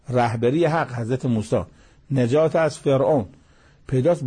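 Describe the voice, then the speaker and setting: A man's voice: medium pitch, mellow, slightly rough. A man giving a religious commentary lesson, explaining each verse and repeating key phrases for emphasis. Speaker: Quran commentator.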